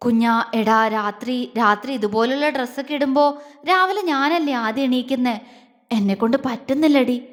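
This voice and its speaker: A tender young husband in an audio romance, coaxing and affectionate, who stammers when flustered, as a woman narrator plays him. The voice sits fairly high and rings in a long reverb. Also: moderate pace, close to an everyday voice.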